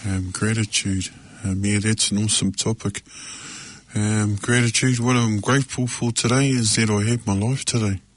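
Low-voiced man. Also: steady tone, no room sound. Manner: halting, reflective. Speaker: speaker sharing at a recovery meeting. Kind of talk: unscripted personal sharing.

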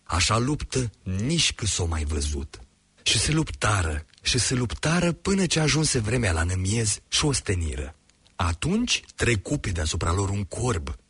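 Lively, husky-voiced male storyteller. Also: fairly low pitch, dry recording. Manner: lively, expressive telling. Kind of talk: fairy tale narration.

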